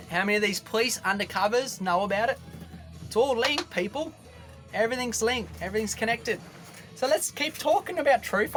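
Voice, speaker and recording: Australian guy vlogging from a boat, rambling and combative rant, middling pitch, faint music playing behind him. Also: fairly bright tone. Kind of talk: ranting monologue to camera. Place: on a boat outdoors.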